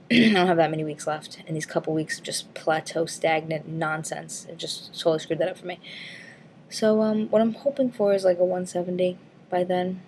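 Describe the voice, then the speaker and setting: Rambling, frank woman vlogger, slightly low voice. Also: little pitch movement, normal speed, a little mellow, slight background noise. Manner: rambling, frank, swears casually, lots of ums and likes. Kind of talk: casual weight-loss update vlog.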